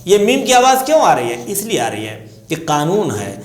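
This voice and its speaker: A male religious teacher with an Indian Urdu accent, explaining a lesson patiently and slowly drawing out recited examples. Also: sits high, wildly swooping pitch. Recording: echoey room.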